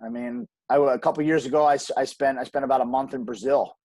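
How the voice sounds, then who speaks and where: A man's voice: medium pitch, quick pace, creaky, darkish tone, no echo. A man speaking earnestly as a podcast guest, emphatic, with frequent restarts and ums. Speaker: podcast guest, gym co-owner. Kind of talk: conversational interview.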